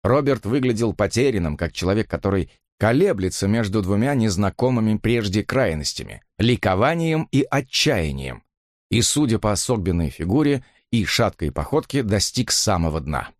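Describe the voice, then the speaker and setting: A man reads a novel aloud in an expressive, dramatic way, and his voice rises and falls a lot. The recording is close and dry, with no room around it. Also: lowish voice, normal speed, no echo. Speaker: narrator. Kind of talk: audiobook reading.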